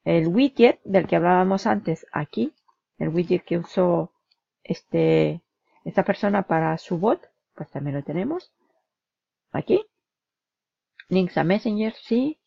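A woman reviewing marketing software in a casual screen-share walkthrough, talking the viewer through a comparison table with frequent fillers. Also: on the low side, animated, takes it slowly, vocal fry, long pauses, breathy edge, no echo. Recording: dull lo-fi dry recording.

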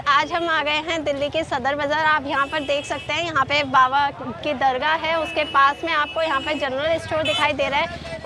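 A young woman presenting a market tour vlog, talking upbeat to her viewers on a lapel mic. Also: sits high. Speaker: vlogger. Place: busy market street and small shop. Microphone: clip-on lapel mic.

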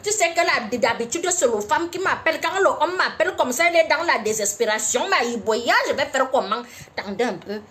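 A woman's voice: sits high, expressive, brisk, a bit bright. A woman giving mock-solemn, teasing comic advice in a live-streamed monologue, talking into a phone.

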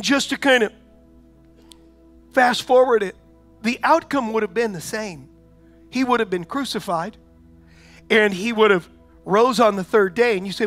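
High-voiced pastor preaching with music behind. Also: male voice. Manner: conversational preaching with repeated rhetorical questions; builds to loud proclamation. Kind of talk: sermon.

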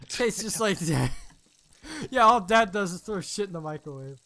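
A man's voice: sits high, animated, normal speed, fairly bright tone, dry recording. A man chatting playfully as he plays a game, with a hammy, theatrical mock-villain drawl. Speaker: gamer playing as a baby. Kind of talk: playful gaming chat.

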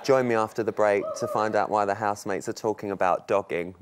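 A man's voice: fairly low pitch, steady tone, brisk, loud music behind the voice, over a noisy crowd. A man hosting a live studio show in a playful, teasing way and calling out to the audience. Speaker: studio host.

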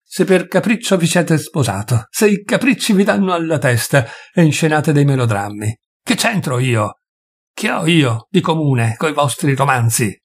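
A man voicing a furious, grieving male doctor who shouts and hammers out each word, with a husky voice. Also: medium pitch, expressive, measured pace, hardly any pauses.

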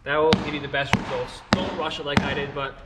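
Out of breath, the young host of a glove channel gives a chatty how-to vlog to camera, addressing his viewers as "guys." His voice is on the high side with little pitch movement and a slightly fast pace, and the recording is very noisy.

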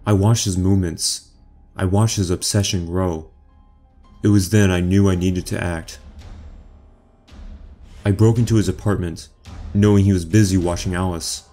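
A man narrating a horror story in the first person, quiet, measured and menacing. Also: low-pitched, steady tone, faint music behind.

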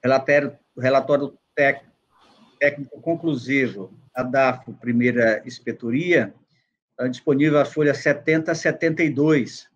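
A man, the rapporteur councilor, reading a formal case report and vote in a halting way, with restarts, over a video call. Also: medium pitch, fairly even intonation, muffled recording.

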